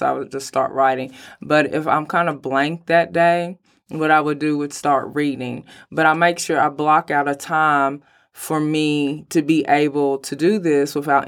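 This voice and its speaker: Hoarse woman writer chatting as a guest. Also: sits low, a bit bright. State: hoarse from being sick. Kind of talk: casual conversational interview.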